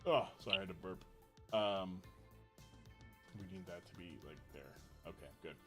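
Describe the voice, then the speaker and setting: A man hosting a live stream, commentating matches in a rambling, excitable way and laughing often. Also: deep voice, moderate pace, faint music behind. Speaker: league commissioner and host.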